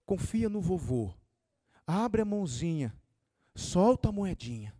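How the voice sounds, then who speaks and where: A preacher voicing a calm old grandfather who gently soothes a scared child. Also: sits high, dry recording, studio quality, full character voice. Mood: soothing. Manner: soft, slow, reassuring.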